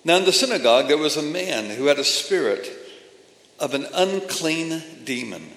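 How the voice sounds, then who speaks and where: A man preaching a sermon with emphatic phrasing and pauses between phrases, addressing a congregation. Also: fairly high pitch, animated, fairly bright tone. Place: church or meeting hall. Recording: echoey hall from a distance.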